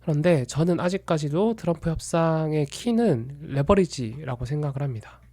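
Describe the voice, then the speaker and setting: A man gives a reflective solo commentary on investing, measured and analytical, stopping now and then to correct a word. His voice sits a little high for a man. The recording is dry and close, with almost no room sound. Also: animated, dark tone, dry recording.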